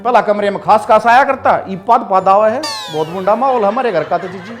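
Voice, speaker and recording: A man with a Haryanvi accent putting on a loud, gossiping old village auntie. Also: sits high, fairly quick, natural voice. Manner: chattering, gossipy, loud complaints.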